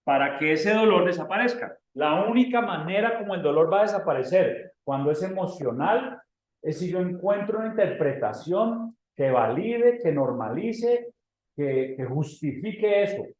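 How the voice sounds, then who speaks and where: A man's voice: high voice, lively intonation, moderate pace, a little mellow. A man with a Mexican Spanish accent teaching a coaching session, emphatic and repeating phrases to drive points home. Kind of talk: in-person coaching lecture. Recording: echoey room.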